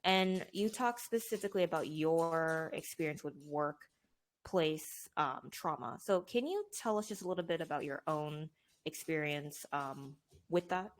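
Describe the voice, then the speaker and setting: A woman's voice: low voice, measured pace. A young woman hosting a podcast interview, chatty and casual, with lots of fillers. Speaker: podcast host.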